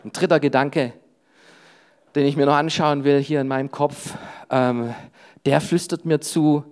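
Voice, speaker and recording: A man, married with children, preaching a sermon to young people, emphatic and direct, often breaking in with "hey" and dropping his voice low for inner thoughts. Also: little pitch movement, normal speed. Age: adult with wife and children.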